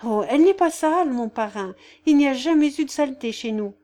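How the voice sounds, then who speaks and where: A woman's voice: sits high, lively intonation, brisk, mellow, voice pushed up. Woman voicing an earnest young peasant girl. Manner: artless, eager, rustic phrasing. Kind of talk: audiobook character voice.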